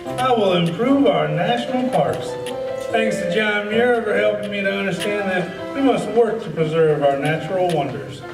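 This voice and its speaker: A man with a high, lively voice speaks at a normal pace, playing a rich, grateful philanthropist in an amateur radio play: a former soap-company tycoon who champions parks. His delivery is formal and declamatory, proud and earnest. The mic is distant in a roomy space, with music behind him.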